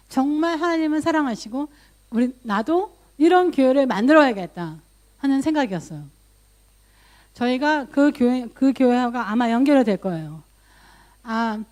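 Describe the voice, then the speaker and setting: A woman's voice: on the high side, a little mellow. A woman pastor giving a sermon in a conversational storytelling way, sprinkling in English words and lifting her voice when she quotes her own prayers. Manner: mixes English loanwords into speech.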